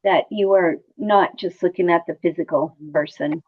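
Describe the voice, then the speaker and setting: A woman's voice: fairly low pitch, normal speed, husky. A middle-aged woman, a nurse being interviewed, talking conversationally and telling personal stories, repeating words for emphasis. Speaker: hospice nurse interview guest. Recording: muffled phone-like line.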